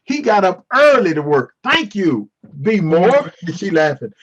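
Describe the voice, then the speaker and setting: High, husky man teaching Bible class. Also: big pitch swings, unhurried, muffled recording. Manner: playful, teasing, responds to chat. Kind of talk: casual online Bible class. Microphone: video call.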